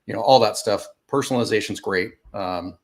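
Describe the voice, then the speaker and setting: Male host, hoarse, lowish voice, plainspoken and encouraging, frequent throat-clearing. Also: a little fast. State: hoarse, losing his voice. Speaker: podcast host. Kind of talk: casual conversational interview.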